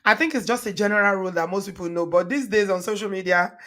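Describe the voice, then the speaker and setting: A woman's voice: mid-range voice, quick pace, fairly bright tone. A woman with a Nigerian accent and a slightly froggy, cold-worn voice, chatting casually to viewers as host of a livestream show. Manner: chatty, repeats greetings and thanks. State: recovering from a cold.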